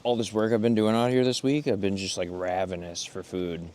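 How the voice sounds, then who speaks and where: A man's voice: on the low side, a little fast. A laid-back man casually chatting outdoors by a campfire in the snow, chuckling often between remarks. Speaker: channel co-host. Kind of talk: casual chat. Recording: outdoor recording with steady background noise.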